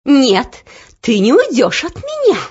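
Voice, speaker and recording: A woman voicing a spiteful young noblewoman who shrieks in a shrill, piercing voice. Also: wildly swooping pitch, slow pace, a little mellow, heavily acted. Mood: shrieking. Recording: dull lo-fi audiobook recording.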